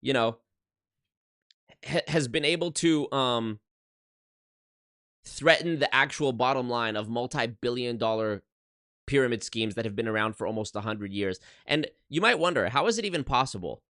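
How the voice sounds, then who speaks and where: His voice sits at medium pitch with a fairly bright tone, moving at normal speed but pausing often; the sound is clean and echo-free, like a studio. The man, a YouTuber in his twenties, talks casually on a livestream into a desk microphone in his one-bedroom apartment, swearing emphatically and often restarting what he says.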